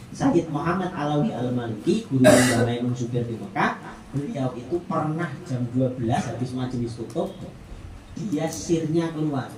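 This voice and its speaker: A man from Indonesia preaching a monthly religious study, telling stories with acted dialogue and light jokes. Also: mid-range voice. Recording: echoey room, distant mic, noisy.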